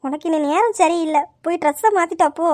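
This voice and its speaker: A woman's voice: very high voice, quick pace, darkish tone, no echo, clean studio sound. A woman playing a fussing, resigned middle-aged aunt in a comedy sketch.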